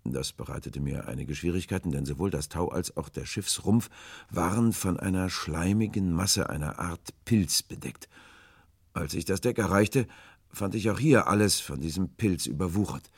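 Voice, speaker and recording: A man's voice: low-pitched, gravelly, slightly rough, no room sound, clean studio sound, exaggerated voice. A man voicing a frightened, starving old man who speaks in a hesitant, hopeless way in an audiobook. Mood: sorrowful. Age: older. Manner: hesitant, halting, sorrowful and hopeless. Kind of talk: audiobook character voice.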